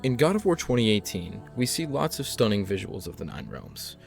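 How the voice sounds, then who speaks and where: Male video-essay narrator, lower-pitched, scripted explainer read over a music bed. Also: very animated, fairly quick, vocal fry.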